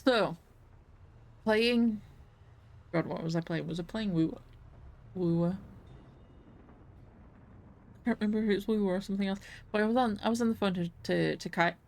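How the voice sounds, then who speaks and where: A woman's voice: mid-range voice, fairly quick, gravelly, pauses often, darkish tone. A woman streaming a game, chatting casually in a rambling, self-correcting way, with a giggly edge. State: hiccups. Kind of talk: casual gaming commentary.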